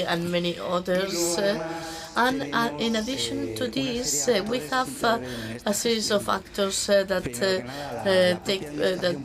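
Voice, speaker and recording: A woman with a fairly low-pitched voice interprets a conference talk into English, speaking haltingly and filling the gaps between words with many drawn-out "uh" sounds.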